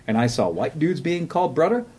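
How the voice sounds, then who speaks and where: A man's voice: on the high side, sing-song, fairly quick, a little mellow, breathy edge. A man co-hosting a casual podcast, telling a profane travel story and laughing often. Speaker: podcast co-host. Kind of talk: casual chat.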